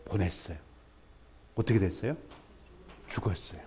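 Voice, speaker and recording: A male pastor preaching a sermon, telling a story with lively acted-out voices for the people in it. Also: lowish voice, moderate pace, breathy edge. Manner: animated storytelling, acts out characters in raised voice.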